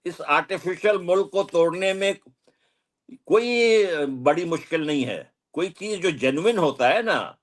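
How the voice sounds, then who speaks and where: A man's voice: a little high, fairly bright tone. A man giving his views as a guest on a political discussion panel, emphatic and speeding up as he argues. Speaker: guest commentator.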